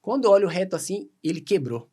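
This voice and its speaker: Fast-talking animated Brazilian man. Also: high-pitched. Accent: Brazilian Portuguese. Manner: animated, quick anecdotes full of quoted dialogue. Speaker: podcast guest. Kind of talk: casual storytelling.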